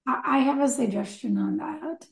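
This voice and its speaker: A woman leading a recovery meeting discussion, calm and measured, reading text aloud. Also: on the high side, vocal fry. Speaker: meeting facilitator. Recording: roomy echo.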